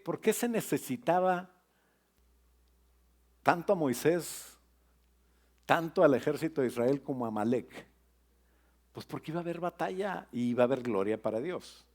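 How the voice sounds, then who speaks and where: A middle-aged male pastor preaching a sermon, lively and joking with his congregation. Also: medium pitch.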